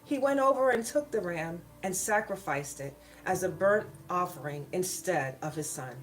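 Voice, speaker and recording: A woman with a lowish, expressive voice reads children's Bible stories aloud at a moderate pace, tossing casual asides to her channel's viewers. Soft worship music plays behind her, and the recording quality is poor.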